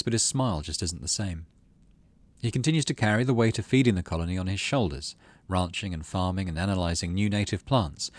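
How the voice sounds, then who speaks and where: With a fairly low pitch, this man reads a video game's story text aloud as an expressive narrator. His delivery is dramatic and storybook-like, with casual asides, and the recording is dry.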